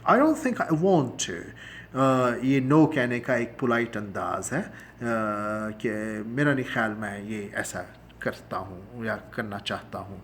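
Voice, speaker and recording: A man from Pakistan teaching English phrases in a casual spoken lesson, explaining in Urdu and slowly stretching out each English phrase, with frequent chuckles and fillers. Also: mid-range voice, fairly bright tone. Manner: chuckles often, conversational with many fillers.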